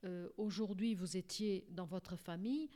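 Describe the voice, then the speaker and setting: A middle-aged woman from Portugal answers interview questions about her life. She talks haltingly, with frequent fillers and repeated words. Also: fairly low pitch, warm tone. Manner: hesitant, many fillers and restarts. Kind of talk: personal life story interview.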